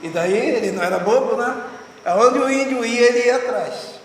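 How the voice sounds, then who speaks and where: A man's voice: very high-pitched, moderate pace. A man preaching a sermon in fervent, emphatic repetitions and leading an altar call. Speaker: pastor. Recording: echoey hall, distant from the mic, noisy.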